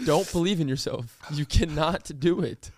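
Exasperated high-voiced man, bro-talk. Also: moderate pace. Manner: exasperated, teasing, calls everyone bro. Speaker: podcast host. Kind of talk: casual chat. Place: indoor studio. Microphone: close mic.

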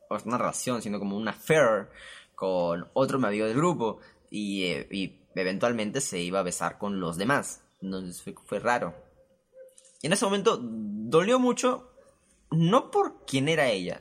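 A young man with a Peruvian Spanish accent, casually telling a personal story with crude slang. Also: mid-range voice. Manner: animated, crude slang, jumps into quoted voices. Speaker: storyteller host.

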